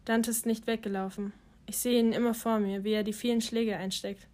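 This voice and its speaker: A woman voicing a quiet, measured middle-aged father in an audiobook. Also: on the high side, little pitch movement, close to an everyday voice.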